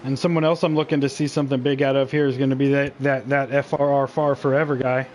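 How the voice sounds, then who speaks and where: A man doing live play-by-play commentary on a sim race, joking and switching quickly between calling the action and banter with his co-host. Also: medium pitch, flat delivery, a little mellow, a little hiss or hum.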